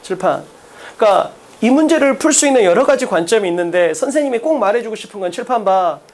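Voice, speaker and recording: His voice high and animated, his pace quick, a man teaches exam English at a blackboard. The English test-prep lecturer is blunt and brash, firing off rhetorical questions at the students.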